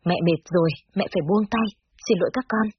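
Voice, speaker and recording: A woman's voice: mid-range voice, fast, slightly rough, natural voice. A woman voicing a weary mother speaking with tired, cold resolve, in a slightly dull lo-fi recording. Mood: resolute.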